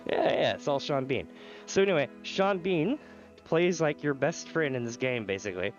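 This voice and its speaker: A man hosting a gaming livestream in a casual, animated, rambling storytelling manner with dramatic asides. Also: medium pitch, moderate pace. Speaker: livestream host. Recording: slightly dull livestream audio with music behind. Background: background music.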